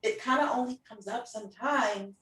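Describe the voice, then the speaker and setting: A middle-aged woman, a preschool teacher who also hosts interviews, chats casually, telling stories and acting out what people said. Her fairly high voice is fairly bright and moves at normal speed. She sounds distant from the mic, with roomy echo.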